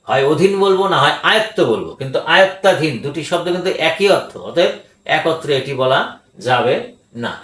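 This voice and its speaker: An older man giving a grammar lesson, speaking deliberately, repeating words for emphasis and pausing with hesitations. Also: a little high, expressive, fairly bright tone. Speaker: grammar teacher. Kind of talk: grammar lecture. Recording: echoey room.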